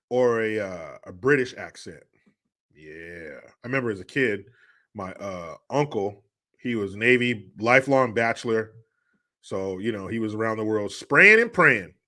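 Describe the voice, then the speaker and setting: A man's voice: on the low side, sing-song, unhurried, long pauses, sharp tone. A man hosting a casual live stream, bantering loosely with viewers and swearing freely. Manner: laid-back, profane banter.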